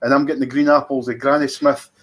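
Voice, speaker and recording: A man's voice: medium pitch, level tone, fast talker. Chatty Scottish man hosting a tasting. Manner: chatty, teasing, restarts, savours the words. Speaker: whisky tasting host. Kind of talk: casual tasting commentary.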